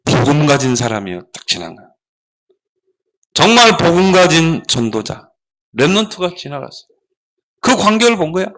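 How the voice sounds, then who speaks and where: Male pastor, children's sermon, high voice, lively, rhetorical questions. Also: normal speed, pauses often.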